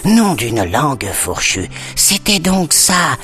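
A woman voicing a wise, kindly old female snake who speaks slowly and thoughtfully in a children's story. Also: low-pitched, big pitch swings, faint music behind, exaggerated voice. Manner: slow, thoughtful, gently scolding. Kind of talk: storybook acting.

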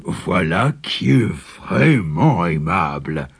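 A man's voice: sits low, very animated, slow pace, gravelly, husky, no echo, clean studio sound, full character voice. A man voicing a sly, greedy tiger in a storybook, purring and scheming as he talks. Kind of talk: storybook character voice.

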